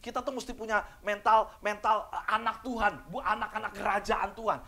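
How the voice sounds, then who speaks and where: High-voiced man preaching an animated sermon. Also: a little fast. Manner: animated preaching, acts out voices, asks the congregation questions. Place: church service.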